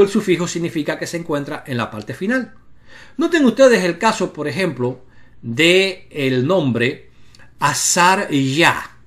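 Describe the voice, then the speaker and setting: A man's voice: on the high side, fairly bright tone. A man teaching a lesson on Hebrew grammar, explaining step by step and pointing out letters to his viewers. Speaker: Bible teacher.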